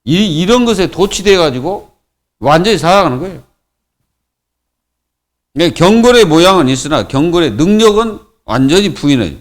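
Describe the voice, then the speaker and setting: Male pastor, fairly high and very animated pitch, conversational sermon delivery, lots of fillers. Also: normal speed, long pauses. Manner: colloquial preaching with many fillers and repetitions. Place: church.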